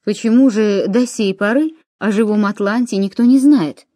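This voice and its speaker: Woman reading young Roman emperor, man, cautious, measured questions, mellow dark tone, dry close sound. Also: medium pitch, no room sound, close to an everyday voice. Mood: questioning.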